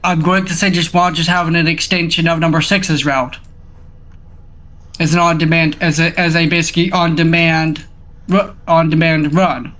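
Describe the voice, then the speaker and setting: A man's voice: on the high side, little pitch movement, moderate pace, fairly bright tone. A man playing an online train game with friends, chatting casually, swearing often and restarting his sentences. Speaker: fellow player. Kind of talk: casual gameplay chat.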